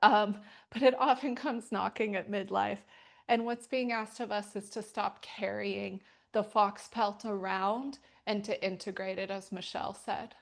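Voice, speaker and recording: A woman's voice: mid-range voice, fairly even intonation, measured pace, gravelly. A middle-aged woman teaching a yoga class and telling stories, talking casually and rambling with many fillers. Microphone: wearing a microphone.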